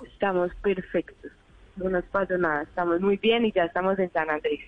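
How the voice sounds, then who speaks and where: A woman's voice: on the low side, normal speed, no room sound. A woman in her twenties from Medellín with a Colombian paisa accent, telling her story chattily as a phone-in guest on a radio show. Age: 20s. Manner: chatty, animated retelling with paisa fillers. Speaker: phone-in interviewee, evacuated tourist. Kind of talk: live radio phone interview. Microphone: telephone. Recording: tinny phone line.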